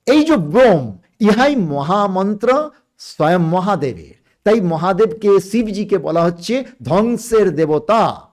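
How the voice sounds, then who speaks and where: A man speaking as a guest on a podcast, explaining spiritual ideas in a measured way and pausing to search for words. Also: sits high, animated, darkish tone.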